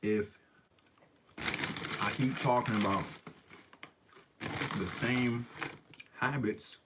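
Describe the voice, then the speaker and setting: A man's voice: medium pitch, fairly even intonation, very slow, very noisy. A young man chatting casually on a livestream, slangy and self-mocking, talking while he eats snacks. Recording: loud music behind. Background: loud music.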